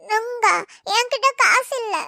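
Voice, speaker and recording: Voice actor doing a squeaky bored little girl. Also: measured pace, pushed and bright, dry recording, studio quality, heavily acted. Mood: chatty. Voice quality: high, pitch-shifted childlike voice. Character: young girl, restless and chatty. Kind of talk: cartoon voice acting.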